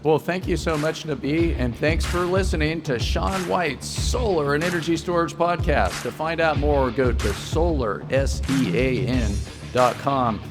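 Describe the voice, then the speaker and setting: A man's voice: fairly high pitch, measured pace, music in the background. A man hosting a podcast interview at a solar conference, upbeat and joking, with promotional plugs. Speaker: podcast host. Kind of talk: casual interview.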